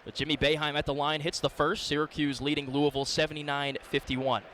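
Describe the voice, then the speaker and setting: Live on radio, a man calls a basketball game play-by-play in terse, descriptive phrases. His high-ish voice is delivered flatly and a bit fast, over loud arena noise, gym ambience, and bouncing basketballs.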